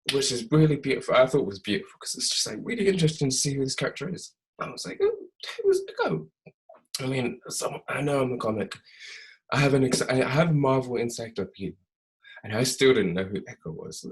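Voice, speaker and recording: A young man casually recapping a TV episode, chatty and animated, laughing often. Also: medium pitch. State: tired.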